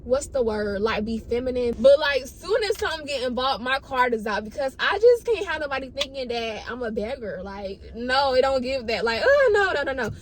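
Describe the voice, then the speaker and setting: A woman's voice: sits high, lively intonation, moderate pace, few pauses. A woman chatting casually as a storytime vlogger, dramatic and slangy, repeating phrases for emphasis. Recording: noticeable background noise.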